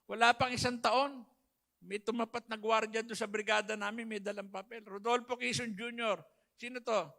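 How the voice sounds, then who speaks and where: A man's voice: high-pitched, steady tone, moderate pace, creaky, pushed and bright. A man, a pastor, giving an emotional sermon testimony and quoting scripture to the congregation. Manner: emotional, quotes scripture, addresses listeners as brothers and sisters.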